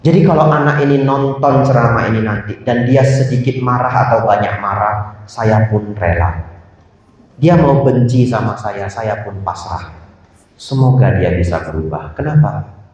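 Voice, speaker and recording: Animated monk preaching in an echoey hall. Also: male voice, medium pitch, moderate pace. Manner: animated storytelling, frequently addressing the audience directly. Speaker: Buddhist monk giving a Dhamma talk. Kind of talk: storytelling sermon. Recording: echoey hall, distant mic, dull sound.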